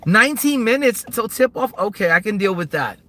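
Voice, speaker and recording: A man's voice: high-pitched, expressive, fairly quick, bright, forceful tone. A man from Manhattan, livestreaming casually from his car between delivery orders, talking in a rambling way with lots of fillers. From New York, Manhattan. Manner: rambling, repeats himself, frequent fillers. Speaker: streamer. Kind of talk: casual live-stream chat. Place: in a car while driving for deliveries. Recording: noisy car interior.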